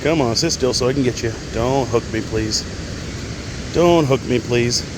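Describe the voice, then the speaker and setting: A man chatting casually and informally as he films an outdoor fishing vlog. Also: medium pitch. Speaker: amateur angler filming a fishing vlog. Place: outdoors by a waterfall. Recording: loud rushing water noise outdoors. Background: rushing water.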